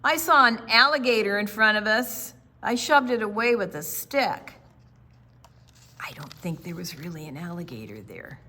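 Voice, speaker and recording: With dramatic, deliberate phrasing, an older storytime reader reads a picture book aloud to children, stepping out for quieter conversational asides. Her voice is mid-range and animated, and there's a little hiss or hum.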